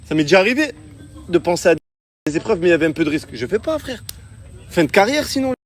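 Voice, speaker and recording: A man's voice: high-pitched, very animated, fast talker. A man organizing challenges talks casually in street slang, reassuring and insistent, calling everyone brother. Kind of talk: casual chat on phone snaps.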